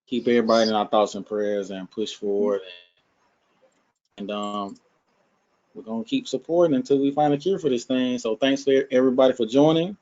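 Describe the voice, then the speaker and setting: A man's voice: medium pitch, fairly even intonation, moderate pace, long pauses, a little mellow. A man with an Alabama accent talking casually as he hosts an online support group. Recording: muffled video-call audio.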